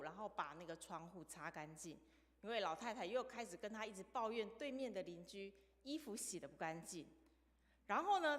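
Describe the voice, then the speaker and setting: A woman's voice: mid-range voice, fairly bright tone. A woman preaching a sermon in a church, telling stories and asking the congregation questions. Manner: storytelling, asks the congregation questions. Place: church sanctuary. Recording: long reverb of a church hall.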